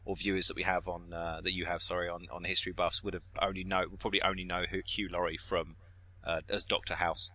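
A man's voice: low voice, little pitch movement, fast, pushed and bright, no echo. A young man from southeast England with a Southern English accent, chatting casually on a podcast and often correcting himself mid-sentence. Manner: chatty, self-correcting, trails off into asides. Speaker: podcast co-host.

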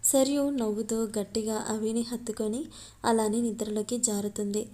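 A woman reading a love story aloud as a steady scripted narration. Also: fairly high pitch, moderate pace.

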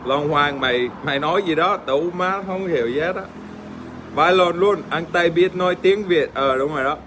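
An Australian man, native English speaker, joking crudely with fans in casual livestream chat, halting with fillers and swearing playfully. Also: on the high side, noisy background. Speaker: livestream host. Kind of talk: casual livestream chat reading fan comments.

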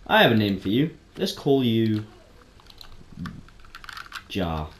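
Man, game streamer, casual let's-play commentary, chatty and excitable, echoey room, faint background noise. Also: on the low side, slow. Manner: chatty, excitable, with sudden startled yelps. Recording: roomy echo, faint noise.

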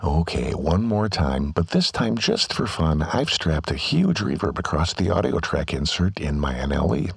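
Man, software tutorial voice-over, step-by-step, lively pitch, gravelly. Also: moderate pace, hardly any pauses, slight background noise. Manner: calm, step-by-step instructional delivery.

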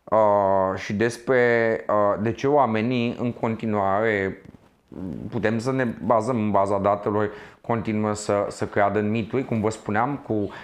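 A man's voice: lowish voice, steady tone. A man hosting an academic interview, debating points with his guest and addressing the audience. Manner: debating points, then wrapping up the segment for listeners. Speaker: interview host.

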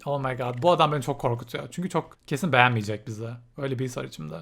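A man giving excitable let's play commentary, reacting loudly to events and mixing English phrases into his talk. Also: medium pitch, racing, gravelly, faint music behind. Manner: excitable, squeals and laughs at game events, mixes in English phrases. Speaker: gaming channel host.

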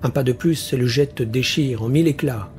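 A man's voice: medium pitch, brisk, faint music behind, lightly acted. A man voicing a resolute sorcerer in an audiobook fantasy tale, speaking with firm, threatening commands.

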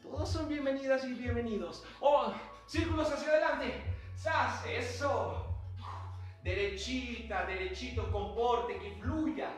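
A man's voice: very high voice, slow pace, very echoey, soft background music, low-quality recording. A man leading a live online exercise class from home, upbeat and playful, chatting with slang as he counts out moves. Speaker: fitness instructor. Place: home room.

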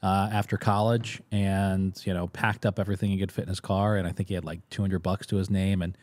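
A man in his thirties hosts a podcast in a small indoor studio, talking casually into a close studio mic on a boom arm while wearing headphones. His voice sits low with little pitch movement, fairly quick and a little mellow.

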